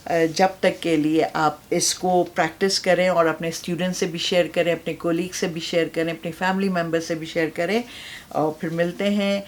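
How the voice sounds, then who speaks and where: A woman's voice: lowish voice, flat delivery, normal speed. A woman from Pakistan, an English teacher, giving a casual pronunciation lesson and often checking in with "right?". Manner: explains in Hindustani with English words, checks in with "right?".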